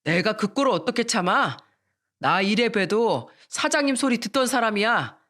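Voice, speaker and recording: A woman's voice: medium pitch, expressive, normal speed, fairly bright tone, pitched above the performer's own voice, natural voice. Woman reading a whiny, excuse-making husband. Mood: defensive. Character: feckless pleading adult husband, defensive.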